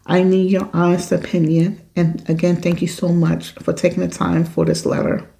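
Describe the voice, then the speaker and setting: A woman's voice: on the low side, monotone, normal speed, creaky, mellow. A woman podcast host reading a listener's letter aloud and reacting to it in an emphatic, outspoken way. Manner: emphatic, outspoken, swears when upset.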